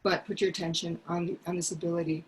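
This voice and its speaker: An older woman from Peru, a singer, talking earnestly and reflectively from her living room on a video call, pausing often. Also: fairly low pitch, level tone, low-quality recording. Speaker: singer sharing a song. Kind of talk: casual video call chat. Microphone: headset mic on video call.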